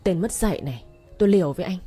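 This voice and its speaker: An old father-in-law scolds firmly and loses his temper, read by a woman. The voice is dark and husky, with faint music underneath. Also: fairly low pitch, expressive, racing. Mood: stern. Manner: scolding, firm. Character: stern elderly father-in-law, proud and quick to anger.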